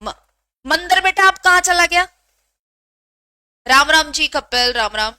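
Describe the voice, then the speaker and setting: A woman with a very high, bright voice runs a live online exam-prep class, brisk and teasingly scolding as she repeats every question. The sound is close and dry, with no room around it. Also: lively intonation, no echo. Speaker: Hindi teacher.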